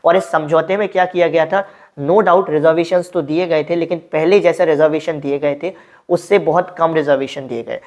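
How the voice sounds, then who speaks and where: Woman teacher, deep voice, mix, lesson with rhetorical questions. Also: steady tone, normal speed, darkish tone. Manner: explains with frequent rhetorical questions. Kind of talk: exam-prep history lesson.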